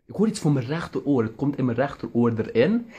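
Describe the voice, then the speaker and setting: A man's voice: mid-range voice, sing-song, a little fast, warm tone, breathy edge. A young man telling a comic rant as a vlogger, exaggerated and theatrical. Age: young adult.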